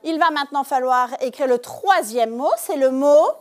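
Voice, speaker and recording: A woman teacher giving a lesson to young pupils in a classroom, speaking slowly and clearly and stressing each syllable. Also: high voice. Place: primary school classroom.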